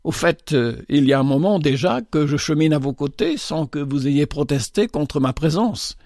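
Earnest nervous young guy pleading, read by a man, fairly high voice, dry sound. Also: expressive, normal speed, darkish tone, no room sound. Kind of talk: audiobook dialogue reading.

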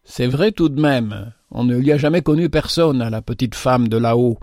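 A man's voice: medium pitch, normal speed, a little mellow, dry recording, clean studio sound, natural voice. A man voicing a poor, kindly widow and mother of three, speaking in a heartfelt, exclamatory way. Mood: tender.

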